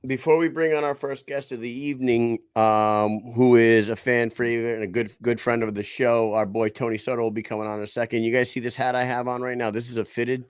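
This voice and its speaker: A man's voice: medium pitch, steady tone, fairly quick, few pauses, clean tone, no room sound. A man hosting a casual podcast, swearing freely and hyping things up in street slang. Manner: profane, hype-man banter with street slang. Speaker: show host.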